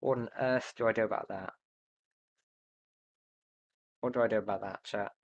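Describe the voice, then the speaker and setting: A man's voice: fairly low pitch, fairly even intonation, normal speed, dull audio. Young man muttering through a livestream. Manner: hesitant, muttering to himself with fillers. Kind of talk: live gameplay commentary, thinking aloud.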